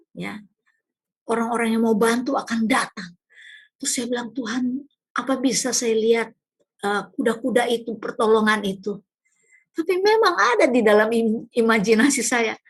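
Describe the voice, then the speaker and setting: A woman's voice: on the high side, slightly rough. A woman pastor from Indonesia giving a devotional talk, telling a personal testimony in a conversational, storytelling manner. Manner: conversational, warm storytelling with tag questions.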